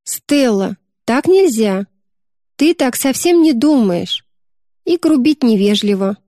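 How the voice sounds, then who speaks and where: A woman voicing a gentle, responsible teenage older sister who coaxes patiently. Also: on the high side, expressive, takes it slowly, no room sound, studio quality. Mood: exasperated. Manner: patient, coaxing.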